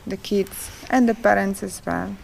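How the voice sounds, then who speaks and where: A woman who speaks Hungarian as her first language, with a Hungarian accent, leads a folk dance class and answers interview questions slowly and haltingly, pausing often. Her mid-range voice is steady, gravelly and darkish. The rough recording carries a little hiss or hum.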